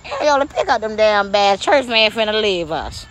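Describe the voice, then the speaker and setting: A woman's voice: medium pitch, lively intonation, moderate pace, a little hiss or hum, close to an everyday voice. A woman playing a fussy old churchgoing grandmother who scolds, cries and calls on the Lord. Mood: scolding.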